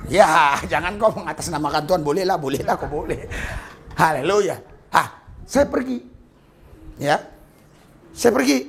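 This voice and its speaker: A male pastor preaching a sermon, swinging between loud shouted lines and quiet asides, and acting out little dialogues. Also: sits high, slight background noise.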